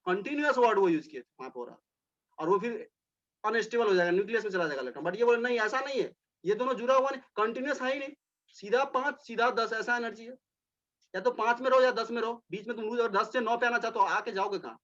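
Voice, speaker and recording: A man's voice: very high voice, lively intonation, quick pace, a bit bright, highs cut off. A male teacher giving a classroom lecture, explaining step by step, repeating points and speaking directly to his students.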